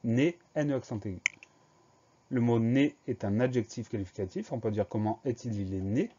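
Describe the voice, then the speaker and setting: A man leads a dictation lesson for students and spells each word out slowly and deliberately. His voice is dark and mellow. The recording sounds somewhat dull and lo-fi. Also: mid-range voice, slightly rough. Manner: slow, careful letter-by-letter spelling. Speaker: teacher.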